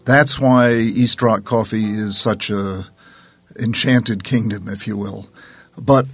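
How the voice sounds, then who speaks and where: A man hosting a podcast, wrapping up a guest's story with reflective commentary that rushes through some phrases. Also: on the low side, no room sound. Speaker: podcast host. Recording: faint music behind.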